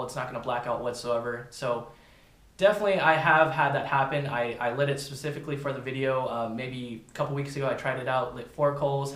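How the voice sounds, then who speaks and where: A man's voice: mid-range voice, roomy sound. A man giving a casual, informal product review, talking directly to his viewers. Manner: informal, addresses viewers as "you guys".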